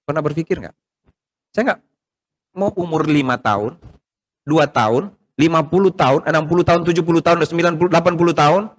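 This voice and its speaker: Middle-aged Indonesian-accented pastor, mid-pitched, chatty sermon full of questions. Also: male voice. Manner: conversational preaching with rhetorical questions. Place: church service, streamed by video call.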